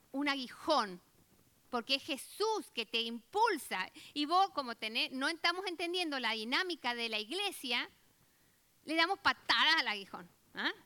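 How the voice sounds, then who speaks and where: A woman teaching scripture in an animated, emphatic sermon. Her voice sits high and rings bright. She jumps into the voices of the people she quotes. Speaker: Bible teacher.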